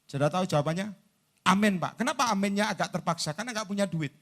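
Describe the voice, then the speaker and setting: A man preaching a sermon to a congregation. He acts out both sides of conversations and swings from loud to soft. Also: high-pitched, animated, rapid-fire. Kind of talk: lively sermon. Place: large indoor church hall.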